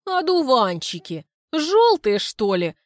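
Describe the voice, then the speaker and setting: Woman doing a gruff shouting village woman. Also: big pitch swings, slow, no room sound, clean studio sound, heavily acted. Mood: scolding. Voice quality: deep throaty voice. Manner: shouting curt insults, panting. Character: loud, short-tempered middle-aged village woman, gruff.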